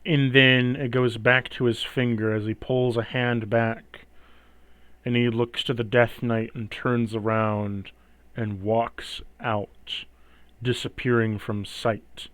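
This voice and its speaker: A man's voice: mid-range voice, little pitch movement, slow, fairly bright tone, dry recording. Male game master, dry close sound. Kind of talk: narrating a tabletop fantasy game.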